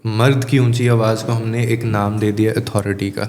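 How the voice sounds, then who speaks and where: A man's voice: on the low side, little pitch movement, darkish tone. A man speaking as a life coach in a podcast interview, explaining emphatically and dropping English phrases into his talk. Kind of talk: conversational advice in a podcast interview. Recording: echoey room with long reverb.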